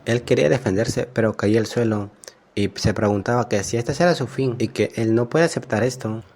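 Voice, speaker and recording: Man narrating a manga recap. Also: on the low side. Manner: quick retelling that voices each character's lines in an even tone.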